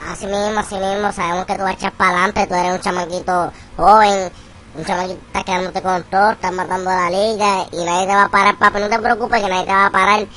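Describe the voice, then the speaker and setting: A woman's voice: mid-range voice, level tone, fast talker, a bit bright. A woman hosting an interview, asking questions in a hyped, slang-heavy way. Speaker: interview host. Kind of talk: casual interview talk.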